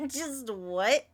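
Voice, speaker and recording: A woman streamer giving casual, amused and incredulous reactions to a video. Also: high-pitched. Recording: noisy stream with mouse clicks.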